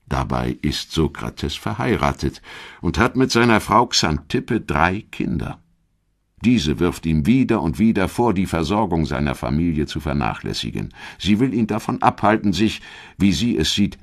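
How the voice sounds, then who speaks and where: In a low voice, a man reads scripted documentary narration, telling the story in a measured, articulate way.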